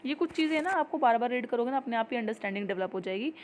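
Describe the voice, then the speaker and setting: A woman teaching an exam-prep grammar lesson, explaining patiently and reading example sentences slowly. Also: fairly high pitch, animated, slight background noise.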